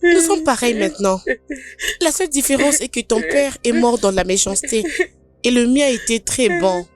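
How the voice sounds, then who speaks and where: A woman's voice: on the high side, lively intonation, moderate pace, over music, natural voice. A woman playing a kind young woman who soothes and comforts a crying friend, in a dubbed film drama. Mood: soothing. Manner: soothing, pleading softly.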